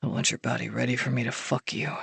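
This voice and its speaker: A woman narrator voicing an intense, commanding young man in a low, husky, half-whispered murmur with gritted-out commands. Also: a little slow, dry recording, heavily acted.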